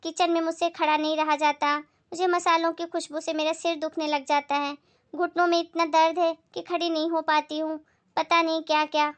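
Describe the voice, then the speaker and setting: A woman voicing a young overworked daughter-in-law in a family skit. She is courteous on the surface but pointed underneath, with a very high voice. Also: flat delivery, normal speed. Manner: polite, gently mocking.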